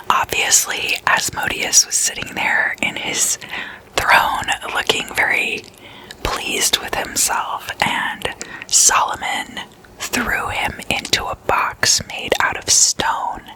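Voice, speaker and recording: Breathy and close, this ASMR host whispers in a relaxed way, letting words trail off softly as though sharing stories with a friend. The recording quality is rough.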